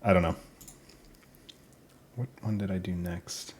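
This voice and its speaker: A man's voice: sits low, measured pace, darkish tone, a little hiss or hum. A young man giving casual developer commentary over his game, thinking aloud and unsure of the order.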